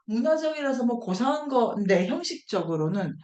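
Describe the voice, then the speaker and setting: This woman's voice is fairly high with big swings in pitch, a darkish tone and a moderate pace, heard in a reverberant space. She's a lecturer running an online book seminar, teaching informally, musing aloud, posing questions and stressing key words by repeating them.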